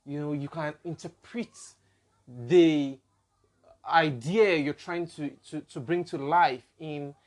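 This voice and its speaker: A man's voice: a little high, steady tone, slow. A man with a Nigerian accent hosting a casual podcast discussion, building his points through examples. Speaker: podcast host.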